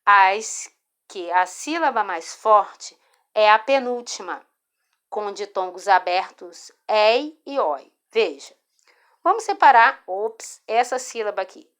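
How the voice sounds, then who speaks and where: A woman's voice: a little high, lively intonation, fairly bright tone, clear, resonant tone. A Brazilian woman teaching a spelling lesson, explaining patiently and checking in with her students as she goes. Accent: Brazilian Portuguese. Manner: slow, patient, repeats words and checks in with "tá?". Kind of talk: explaining a spelling lesson over a screen recording. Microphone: phone or screen recorder mic.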